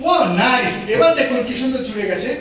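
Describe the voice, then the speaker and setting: A man's voice: very high voice, expressive, quick pace, a bit bright. A middle-aged man performing a live magic show, talking showily to the audience and mixing English patter and counting into his talk. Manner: showy, mixes English counting and patter into Bengali. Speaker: stage magician. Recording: distant, echoey room with crowd noise.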